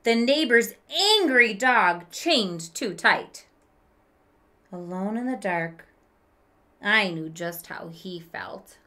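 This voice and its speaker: A woman in her thirties with a sharp-toned, mid-range voice reads a children's storybook aloud slowly and expressively. She adds asides and questions for young listeners, indoors in a small room with a bookshelf.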